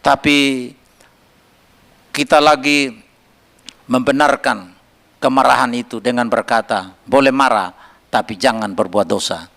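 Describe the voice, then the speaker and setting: A man preaching a sermon as pastor at a church service, lively and jokey, now and then breaking into song. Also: medium pitch, measured pace, vocal fry, pauses often.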